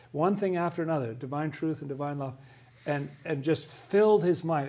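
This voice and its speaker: Male preacher, slightly high voice, conversational sermon with emphatic swells. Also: darkish tone.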